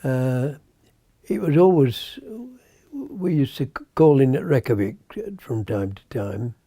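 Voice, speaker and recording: A hundred-year-old British man, a navy veteran, remembering his service in a halting, unscripted way, searching for words and trailing off. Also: mid-range voice, animated, dark tone, slightly rough, no room sound, clean studio sound. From Britain. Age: 100.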